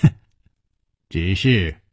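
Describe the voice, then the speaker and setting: A man voicing a proud, cold swordsman in a storytelling broadcast, speaking low and menacing. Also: lively intonation, extremely slow, breathy edge, exaggerated voice. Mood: cold menace.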